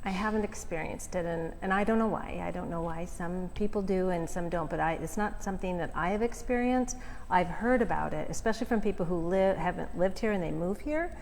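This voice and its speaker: A woman with a somewhat low, slightly quick, mildly mellow voice appears as an interview guest, a forgiveness coach. She's outgoing and explains things conversationally, often checking in with "right?". The recording comes from an echoey hall with noticeable background noise.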